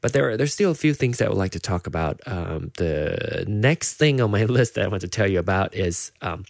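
Here the Malaysian-accented host, his English partly Americanized, sounds animated and a bit fast, his deep, low voice turning creaky. It's a casual solo chat that meanders with frequent ums and restarts. The sound is close and dry, with no room sound at all.

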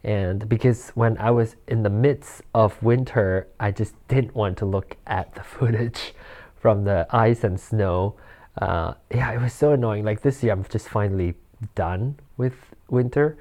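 A man's voice: on the low side, a little slow, darkish tone. A man of forty hosting a solo podcast in a casual, rambling way, with fillers, restarts and frequent chuckles. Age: 40s. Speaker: podcast host. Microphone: handheld or desk mic with rustle.

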